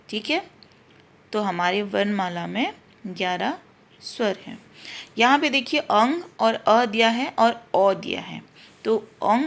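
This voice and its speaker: A woman's voice: medium pitch, creaky. A woman teacher giving a patient grammar lesson to schoolchildren, spelling out letters one by one and repeating her explanations. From India.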